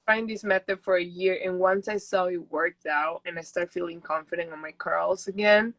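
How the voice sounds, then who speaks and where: A woman's voice: fairly low pitch, fairly even intonation, moderate pace, fairly bright tone, dry recording, rough recording. A young woman from Peru, a native Spanish speaker, chatting casually and laughing often as an interview guest. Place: houseboat.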